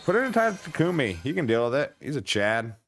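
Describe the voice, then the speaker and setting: A man's voice: medium pitch, sing-song, a little fast, vocal fry, a bit bright. A man streaming a story game, joking casually and reading the dialogue aloud. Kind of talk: casual let's-play commentary. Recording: game music faint behind.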